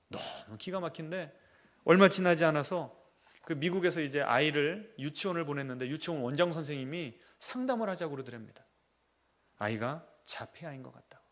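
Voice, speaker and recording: A male pastor preaching a sermon, telling a story with strong emotion, swinging between hushed lines and loud impassioned ones. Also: a little high.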